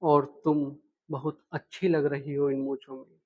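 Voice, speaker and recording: A man's voice: a little high, level tone, a little slow, narrow, tinny audio. A man voicing a shy young man. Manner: hesitant, soft-spoken.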